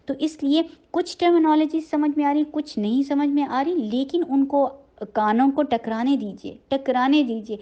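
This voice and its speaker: Brief: woman, recitation teacher, slightly high voice, slow measured recitation, gentle instruction, muffled lo-fi sound. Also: fairly even intonation. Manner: slow drawn-out recitation between patient spoken instructions; gentle, encouraging. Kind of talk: tajweed lesson, recitation with explanation.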